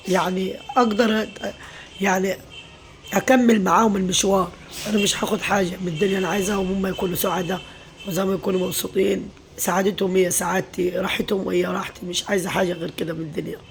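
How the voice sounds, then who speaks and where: A woman's voice: medium pitch, slight background noise. A middle-aged Egyptian woman, a mother, confiding her worries in a casual vlog, weary and venting, full of pious phrases. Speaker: mother and home vlogger.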